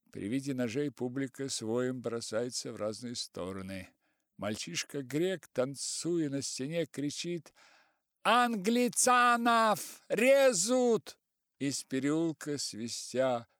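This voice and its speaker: Slow, theatrical male audiobook narrator. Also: medium pitch, no room sound, studio quality. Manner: theatrical, acts out many voices.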